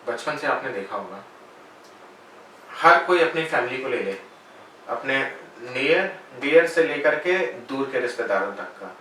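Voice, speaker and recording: A man who works as a spiritual guide and meditation teacher, giving calm, measured answers in an interview. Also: mid-range voice. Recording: very echoey room, voice far from mic, faint noise.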